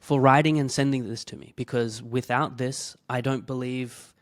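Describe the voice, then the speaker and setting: A man's voice: medium pitch, fairly even intonation, moderate pace, no echo, clean studio sound. A man, a fitness business owner, telling a personal story in a candid, emotional way, swearing freely and dropping almost to a whisper at the hurtful parts.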